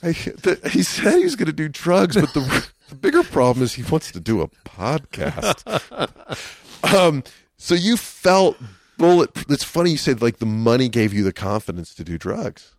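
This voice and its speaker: A man's voice: a little high, wildly swooping pitch, normal speed, no room sound, clean studio sound. A man hosting a podcast interview, chatting casually and throwing in wry jokes. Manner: joking, wry asides. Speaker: podcast host.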